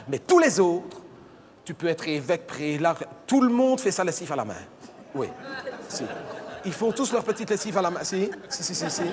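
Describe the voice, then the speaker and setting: A man playing a chatty, gossipy middle-aged mother, rambling through a comic monologue. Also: sits high. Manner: chatty, rambling, punchline-driven. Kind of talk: stand-up character monologue. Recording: live hall with reverb and audience noise.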